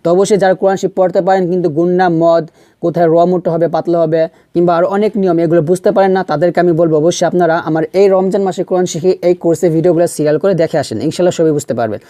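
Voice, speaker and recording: A man teaching Quran reading step by step. He repeats syllables slowly to show how they are pronounced, and he asks questions and answers them himself. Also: sits high, fairly even intonation, warm tone, no room sound, studio quality. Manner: patient, repeats sounds and syllables slowly to demonstrate pronunciation. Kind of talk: step-by-step recitation lesson.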